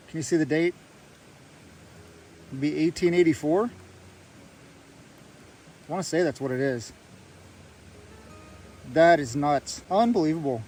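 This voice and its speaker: Enthusiastic man with a higher voice, outdoors. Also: a little hiss or hum. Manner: enthusiastic, marveling, quick reactions. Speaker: metal detecting vlogger. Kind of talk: outdoor vlog narration to camera. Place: outdoors in a winter forest by a creek.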